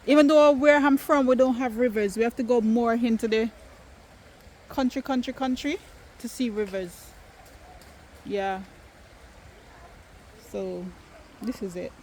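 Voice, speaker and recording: Animated Jamaican woman vlogging outdoors. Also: a little high, a little slow, pauses often, a little hiss or hum. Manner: animated, emphatic, playfully argumentative. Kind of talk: casual family vlog chat. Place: outdoors in the countryside.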